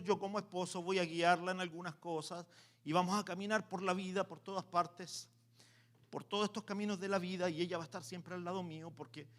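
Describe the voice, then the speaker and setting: A man preaching a sermon in church as pastor, swinging from quiet asides to loud exhortation and calling the congregation to repeat after him. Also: high voice.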